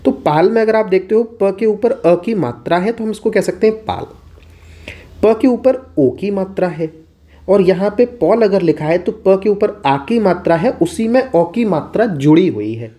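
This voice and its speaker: A man's voice: high voice, lively intonation, moderate pace, warm tone. A man teaching an exam-prep Hindi lesson, posing questions for students and answering them himself. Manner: asks and answers his own questions.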